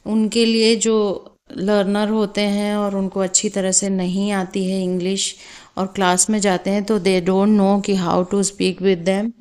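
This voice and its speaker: A woman teaching a spoken English lesson for nursery teachers, slowly repeating model classroom sentences. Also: mid-range voice, little pitch movement, a little mellow.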